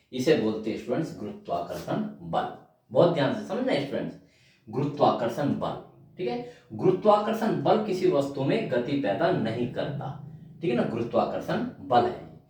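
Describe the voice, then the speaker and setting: A male physics teacher giving a classroom lecture, animated and constantly addressing his students, repeating key terms as he writes them out. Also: medium pitch. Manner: animated, calls out to students often, repeats terms while writing. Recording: loud echo, from far off.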